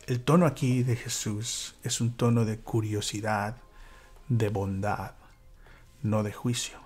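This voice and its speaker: A man leading a church small-group Bible study, speaking reflectively with fillers and dropping into a whisper for calm moments. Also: on the low side, slow pace, breathy edge, soft background music. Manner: reflective, with many fillers and soft whispered asides.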